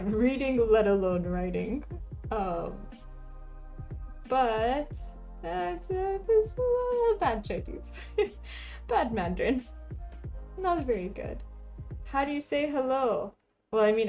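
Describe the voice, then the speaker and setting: Female live-streamer, from Palestine, easygoing and chatty while crafting; leisurely delivery, mid-pitched voice. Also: muffled recording. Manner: laid-back, chatty, frequent soft laughs, reads chat aloud. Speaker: cross-stitch streamer. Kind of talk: casual live-stream chat. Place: home, lives in Taiwan.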